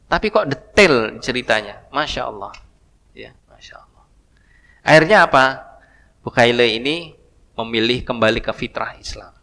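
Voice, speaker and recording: A man giving a mosque lecture, telling a story with animated rises and soft asides. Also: medium pitch, moderate pace, pauses often. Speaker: preacher. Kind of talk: sermon lecture. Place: mosque hall. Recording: long hall reverb.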